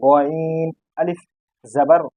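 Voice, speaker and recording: A man with a slightly high voice gives a patient recitation lesson, spelling letters slowly and repeating syllables. The sound is dry and a bit dull, like a lo-fi recording. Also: little pitch movement, no room sound. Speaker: Quran recitation teacher.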